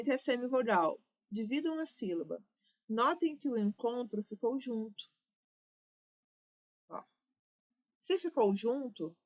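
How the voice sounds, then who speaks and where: A woman with a Brazilian Portuguese accent and a slightly high voice teaches a grammar lesson for exam preparation. She walks through each point step by step, checking in with "ok?" and "né?".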